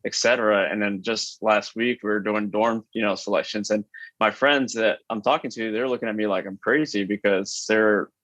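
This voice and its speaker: A man speaking as a podcast guest over a video call through wireless earbuds, with muffled lo-fi audio, chatty and relaxed with many fillers. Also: on the low side, moderate pace, no echo. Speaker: podcast guest, business owner. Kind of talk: casual conversation. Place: his taproom. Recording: dull lo-fi remote call line.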